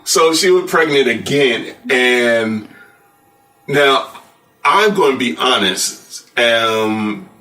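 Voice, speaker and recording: An unhurried man of about fifty from New York, sharing family stories with his wife in a relaxed chat. His voice has a bright, forward edge, though he sits a little back from the microphone. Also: mid-range voice, far from the mic, low-quality recording. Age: around 50. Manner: laid-back, laughs while telling stories. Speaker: co-host, husband. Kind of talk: casual storytelling chat.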